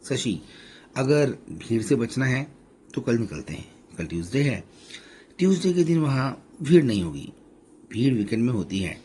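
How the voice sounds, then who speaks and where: A man voicing a gentle middle-aged husband who patiently soothes his wife. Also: medium pitch, big pitch swings, normal speed, slightly rough. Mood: reassuring.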